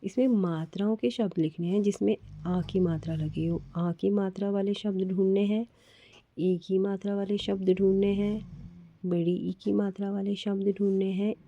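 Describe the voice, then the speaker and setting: A woman's voice: medium pitch, steady tone, moderate pace, warm tone. A woman teacher patiently explaining a worksheet to children, spelling out sounds and repeating words. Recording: slightly dull, lo-fi audio.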